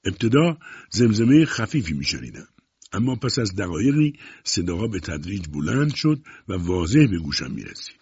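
A man narrating an audiobook in an expressive storytelling way. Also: low voice, slightly rough. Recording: dull muffled recording.

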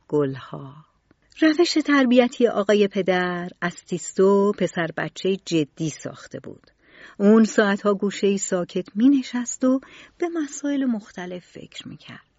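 A woman storyteller narrating a children's storybook in an expressive, varied way. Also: medium pitch, no echo. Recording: dull lo-fi recording.

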